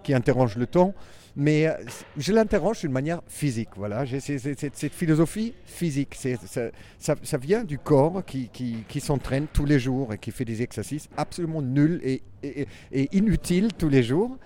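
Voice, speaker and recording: Man, German accent, mellow voice, circus artist musing aloud in interview. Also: fairly high pitch, animated. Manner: halting, many restarts, reflective. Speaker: circus performer and clown. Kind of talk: interview answers.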